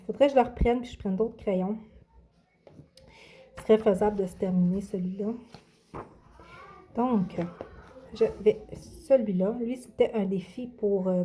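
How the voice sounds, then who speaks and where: A woman's voice: medium pitch, dark tone, a little hiss or hum. A woman, casually presenting her coloring books in a vlog, hesitant with many fillers and restarts. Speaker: adult coloring vlogger. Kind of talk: casual show-and-tell vlog.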